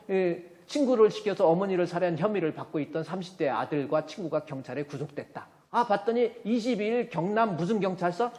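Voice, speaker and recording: A man preaching a Sunday sermon as pastor, talking colloquially with loud, emphatic bursts. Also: fairly high pitch, breathy edge. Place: church sanctuary. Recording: long church reverb. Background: long hall reverb.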